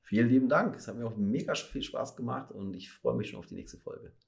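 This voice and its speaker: A man's voice: medium pitch, gravelly. A man in his thirties from the Ruhr area, a dentist talking at ease on a podcast, with lots of fillers. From Ruhr area, Germany. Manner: chatty, many fillers, drawn-out phrases. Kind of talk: relaxed podcast conversation.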